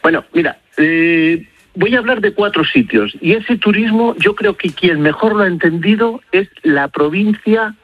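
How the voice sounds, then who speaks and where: On a muffled recording, a high-pitched, unhurried middle-aged man from Spain speaks in a Castilian accent. As a radio travel and food contributor, he chats effusively, wandering off on tangents and repeating words for emphasis.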